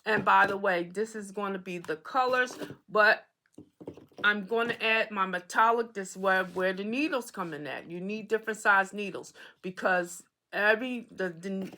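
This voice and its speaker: A woman's voice: mid-range voice, moderate pace, sharp tone, slight background noise. A woman hosting an embroidery tutorial, explaining materials in a casual, chatty way and often checking in with "okay?". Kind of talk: casual how-to demonstration.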